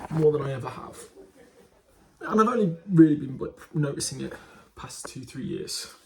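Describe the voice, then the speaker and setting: Guy in his twenties chatting into his phone, rambly, restarts a lot, faint hiss. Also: fairly high pitch. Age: 20s. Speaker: vlogger. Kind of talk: casual vlog. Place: house and garden at his grandparents'. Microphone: handheld phone.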